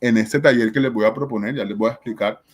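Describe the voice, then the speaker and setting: A man's voice: medium pitch, fast, breathy edge. A man teaching a spelling lesson, explaining step by step and asking questions, then answering them himself.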